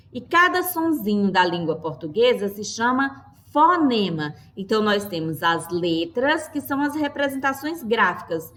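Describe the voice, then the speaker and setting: Female teacher, fairly high voice, unhurried and clearly spelled out for a class. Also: a bit bright. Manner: slow, clear, stressing each word; checks in with the class. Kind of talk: classroom lesson.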